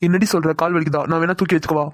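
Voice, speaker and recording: A woman's voice: low voice, fairly even intonation, racing, dry recording, studio quality, natural voice. A woman doing a teasing young male boss. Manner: playful, teasing, bossy. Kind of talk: cartoon voice acting.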